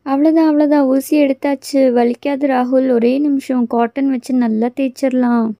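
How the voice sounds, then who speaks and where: A calm doll doctor soothes frightened children before their shots, played by a woman. Her voice is mellow and a little high. The sound is close and dry. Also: normal speed, dry recording, dull audio. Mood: calm, soothing. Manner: soothing, reassuring.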